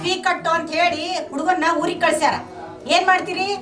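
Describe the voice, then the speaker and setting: A nagging farmer's wife, played by a woman, scolds rapidly in a North Karnataka Kannada accent. Her voice is high and quick and rings in a roomy space, with music behind. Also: little pitch movement, distant mic. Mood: scolding.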